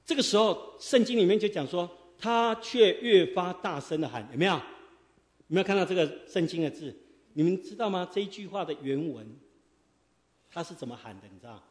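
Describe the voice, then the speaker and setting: Pastor preaching in a hall. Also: male voice, high-pitched, quick pace. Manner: lively, quizzes the congregation with fill-in questions; swings from quiet asides to loud exhortation. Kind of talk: sermon. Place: church sanctuary.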